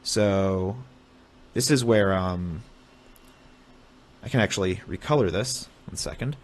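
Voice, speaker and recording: A young man casually explaining a technical topic on a stream, halting with restarts as he draws diagrams. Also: low-pitched. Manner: halting, many fillers and restarts while drawing. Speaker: streamer explaining hardware hacking.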